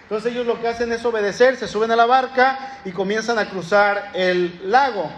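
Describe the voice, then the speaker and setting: A man's voice: high voice, moderate pace. A male pastor preaching a sermon, calling out to his congregation as he reads and explains scripture. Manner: lively, calls out to the congregation. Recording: echoey hall with room ambience.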